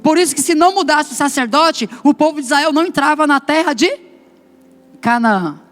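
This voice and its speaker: A middle-aged pastor with a Brazilian Portuguese accent gives a testimony sermon, telling his story in a lively way and acting out the dialogue. His voice is very high-pitched, at a moderate pace. Faint music plays behind him.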